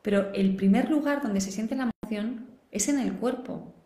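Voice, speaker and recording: A woman's voice: a little high, moderate pace, dark tone, reverberant. A woman teaching a live online parenting class, explaining and acting out quoted voices. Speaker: parenting educator.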